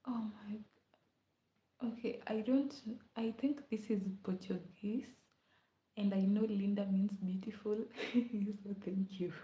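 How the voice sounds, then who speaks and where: Young woman on a live stream, slow chatty talk, whispers a lot, roomy echo. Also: mid-range voice, steady tone, dark tone. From Kenya. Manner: chatty, often drops to a whisper, hums song lines. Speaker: livestreamer. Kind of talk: casual live-stream chat. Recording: echoey room.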